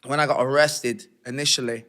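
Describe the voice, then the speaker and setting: A man, an interview guest telling his life story in a candid, animated, slangy way. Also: mid-range voice, brisk. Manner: streetwise, animated, slangy retelling with acted-out quotes.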